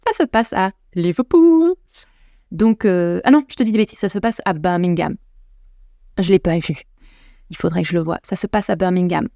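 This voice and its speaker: In a clean, echo-free studio recording, a French English coach hosts her podcast with a mid-range, slightly mellow voice. She talks straight to the listener in a casual, chatty way, offering advice and restarting herself many times.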